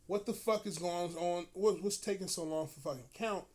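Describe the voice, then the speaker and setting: A man voicing an angry adult male inmate who yells and curses, impatient for his mail. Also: high-pitched, normal speed. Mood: furious. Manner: yelling, cursing, impatient.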